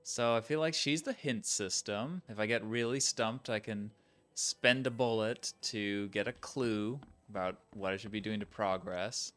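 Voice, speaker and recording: A man's voice: fairly low pitch, measured pace, fairly bright tone. A man giving casual let's-play commentary, muttering wry reactions as he plays a video game.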